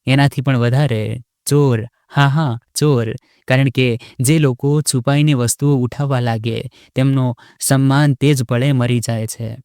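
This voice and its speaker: A man's voice: mid-range voice, fairly even intonation, a little slow, clear, resonant tone, no room sound, clean studio sound, lightly acted. A man voicing a scornful rich young wife. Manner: sharp, taunting, shouting.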